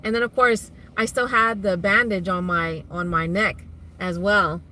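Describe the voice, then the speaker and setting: A chatty woman hosts a live stream, her voice bright and clear and at an ordinary pitch. She talks casually, reads viewer comments aloud and laughs easily, with a faint car hum behind her. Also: steady tone, unhurried. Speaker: vlog host doing a live stream. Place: inside a car.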